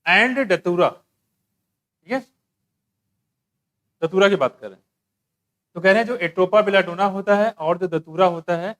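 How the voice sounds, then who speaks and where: A man with a fairly high voice teaching an exam-prep biology class. He explains casually, keeps asking his students rhetorical questions and drops English terms into his talk. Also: a little slow, long pauses, a bit bright.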